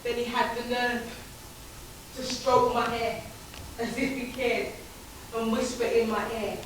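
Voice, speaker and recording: A woman's voice: fairly high pitch, flat delivery, a little slow, slight background noise, lightly acted. An actress performing a spoken-word theatre monologue, playing a young woman haunted by abuse, bitter and defiant, in a rhythmic, rhyming delivery. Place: theatre stage. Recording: echoey hall, taped from far off.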